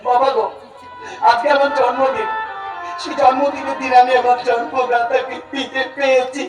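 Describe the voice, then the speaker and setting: A man's voice: very high-pitched, little pitch movement, over music. A male stage actor playing an anguished son who longs for his father, in an impassioned, pleading, melodramatic folk theatre style. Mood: overwrought crying out. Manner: impassioned, pleading, drawn-out emotional delivery. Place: folk theatre pandal before an audience. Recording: echoey crowded stage PA from far off.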